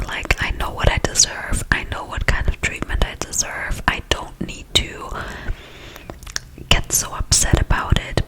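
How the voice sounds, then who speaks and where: An ASMR creator rambling casually in a soft, breathy whisper, very close to a sensitive ear-to-ear microphone. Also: rough recording. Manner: slow, soft, hesitant rambling delivery. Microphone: close, highly sensitive ear-to-ear stereo microphone.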